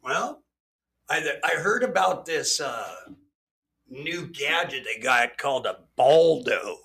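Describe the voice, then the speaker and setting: A man hosting a casual podcast, swearing freely and laughing and shouting often. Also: medium pitch, expressive, takes it slowly, gravelly. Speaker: podcast host. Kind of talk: casual chat.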